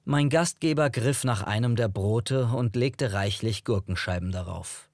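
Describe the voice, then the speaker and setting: A man reading a first-person novel as an audiobook narrator, in an even, measured storytelling manner. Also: medium pitch, no echo, studio quality.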